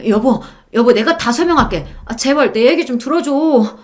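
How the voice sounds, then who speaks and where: A woman's voice: on the high side, expressive, moderate pace, darkish tone, voice pushed up, close to an everyday voice. Cheating husband all flustered, begging and stammering, woman doing his lines. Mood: pleading. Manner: pleading, stammering excuses. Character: cheating husband, middle-aged man, pleading and flustered.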